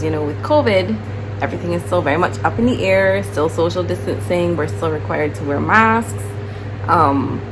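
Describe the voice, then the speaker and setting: This is a young woman from Barbados, a teacher talking casually to her vlog audience. She rambles in an easy, chatty way with plenty of fillers, in a slightly low voice. The recording has a clear layer of noise behind her.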